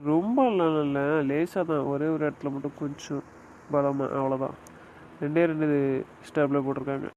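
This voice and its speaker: A man's voice: a little high, fairly even intonation, normal speed, a little mellow, muffled recording, a little hiss or hum, close to an everyday voice. A man playing a young husband who hesitantly downplays a head injury and soothes his wife in an audio drama. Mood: explaining.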